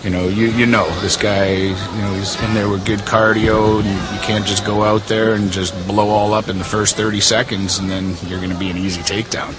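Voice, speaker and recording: A man's voice: lowish voice, little pitch movement, brisk, few pauses, low-quality recording. A man giving casual, colloquial live fight commentary. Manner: colloquial, conversational. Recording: loud music behind commentary.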